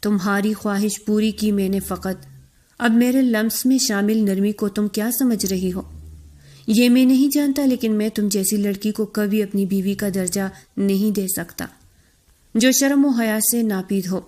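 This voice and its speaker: A woman's voice: darkish tone, natural voice. A woman voicing a proud, angry young man who speaks with cold contempt in a storybook reading. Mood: contemptuous. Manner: cold, contemptuous, growling low.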